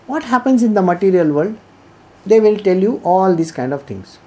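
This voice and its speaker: Mellow Indian-accented spiritual teacher, voice of unclear gender. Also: mid-range voice, lively intonation, normal speed. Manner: didactic, repeats phrases for emphasis. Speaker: spiritual teacher reading and explaining scripture. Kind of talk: devotional reading with informal teaching commentary.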